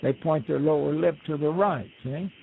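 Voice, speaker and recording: A man with a slightly high voice spins folksy stories and jokes, slipping into little quoted voices. He is heard over a tinny phone line with a faint hiss behind him. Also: normal speed, creaky. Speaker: guest storyteller. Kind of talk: relaxed conversational storytelling.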